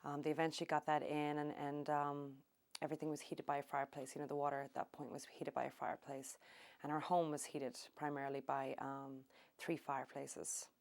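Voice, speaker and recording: A middle-aged woman from Ireland, recalling her country childhood in an oral history interview, unhurried and thoughtful with many pauses. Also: deep voice, level tone, creaky. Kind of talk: reminiscing interview.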